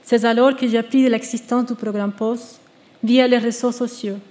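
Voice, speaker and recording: A woman, reading a prepared testimony on stage in a measured, earnest way, with small restarts. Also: a little high, steady tone, darkish tone. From Venezuela. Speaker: exiled researcher giving a testimony. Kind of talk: prepared speech read to an audience. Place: stage at a live public event.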